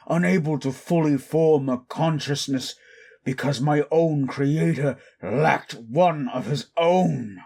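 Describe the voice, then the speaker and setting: A man playing Frankenstein's bitter, anguished monster in a dramatic audio monologue, with a raspy, gravelly voice and theatrical, archaic, deliberate delivery. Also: mid-range voice, exaggerated voice. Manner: slow, deliberate, theatrical, archaic formal diction. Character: Frankenstein's monster, bitter, anguished, wrathful abandoned male creation.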